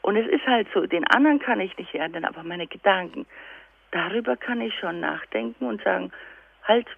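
A woman guest speaker in a radio interview, telling lively stories and acting out both sides of dialogues. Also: mid-range voice, brisk, creaky, slightly rough, dry recording. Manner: lively storytelling, acts out dialogues. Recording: tinny phone line, dry.

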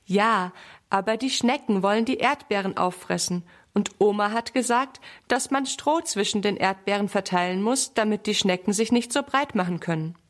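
A woman's voice: mid-range voice, moderate pace, close to an everyday voice. A woman voicing an eager, impatient little boy in a children's story.

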